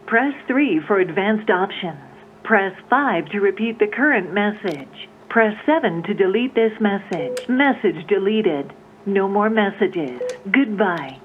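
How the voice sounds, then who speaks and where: Woman, voicemail prompt, over a landline phone, unhurried, measured, tinny phone line, faint hiss. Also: medium pitch, expressive. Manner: measured, evenly spaced prompt delivery. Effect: heard over a landline phone line. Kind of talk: recorded automated announcement.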